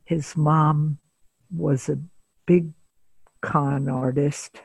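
Slow, gravelly older woman therapist. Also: low-pitched, fairly even intonation, darkish tone, dry recording. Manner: measured, pauses often with filler sounds. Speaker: psychotherapist guest. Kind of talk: storytelling in an interview.

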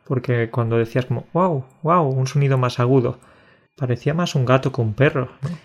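A man from co-hosts a casual chat made for learners. He jokes along and spells out his words slowly and with care. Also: mid-range voice, steady tone, a little mellow, lo-fi sound. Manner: joking, slow and carefully articulated. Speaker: podcast co-host.

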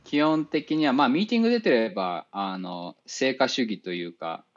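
A man, an engineer guest in a casual interview, explaining things step by step with many fillers and pauses. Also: mid-range voice, animated. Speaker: spacecraft navigation engineer. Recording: dull lo-fi audio.

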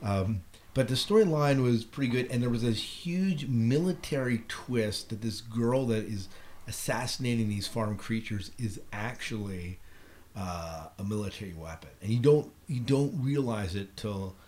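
With a lowish, darkish voice and lively intonation at normal speed, a middle-aged American man hosts a podcast. He casually discusses what he's been watching and reading, shows and films among them, and the recording is clearly noisy.

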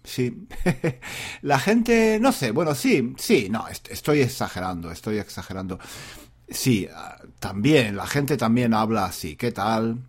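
Chatty teacher, lively voice. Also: male voice, medium pitch, takes it slowly, slightly rough. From Spain. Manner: chatty, repeats phrases, laughs often. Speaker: Spanish teacher. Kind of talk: casual spoken lesson.

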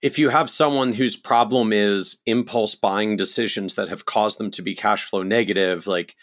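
Thoughtful male interview host, lowish voice. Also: fairly even intonation, normal speed, fairly bright tone. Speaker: podcast host for financial advisors. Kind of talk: interview conversation.

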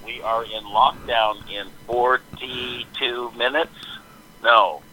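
A man's voice: mid-range voice, steady tone, slow pace, pushed and bright, a little hiss or hum, rough recording. A middle-aged man calling in on a speakerphone, chatting playfully and quoting scripture with mock solemnity. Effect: heard over a speakerphone. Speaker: father phoning in to a podcast. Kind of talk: casual phone chat.

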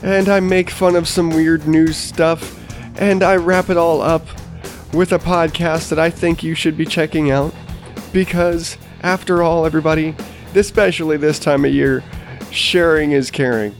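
Faint music sits behind a man in his thirties as he hosts his casual solo podcast, congested from a sinus infection and rambling with self-deprecation and frequent restarts. His pitch is fairly high, his intonation fairly even, and his pace a little slow.

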